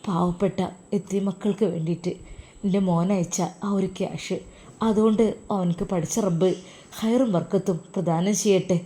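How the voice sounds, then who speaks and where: A woman voicing an old religious teacher who is tender and fatherly, speaking in a hushed, slow way. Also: fairly low pitch, fairly even intonation, lightly acted. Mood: tender, blessing.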